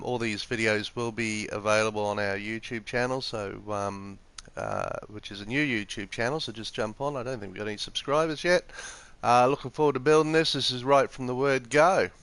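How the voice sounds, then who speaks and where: A man with a lowish, somewhat bright voice and a clean tone is streaming a game while congested with the flu. He talks casually and hesitantly through a PS4 gaming headset microphone, explaining things as he plays. He's in a room next to an office with the windows open.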